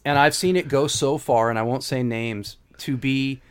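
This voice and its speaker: A middle-aged man talks casually as a podcast guest. He tells rambling, wry stories and keeps an easy conversational flow. His voice sits at an ordinary pitch. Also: moderate pace, smooth. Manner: storytelling, digressive, wry. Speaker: guest composer.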